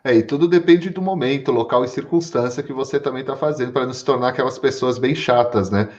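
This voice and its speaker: A man's voice: mid-range voice, fast talker, darkish tone. Brazilian man hosting, dull lo-fi sound. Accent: Brazilian Portuguese. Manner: conversational, reads audience questions. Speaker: host. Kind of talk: casual Q&A hosting.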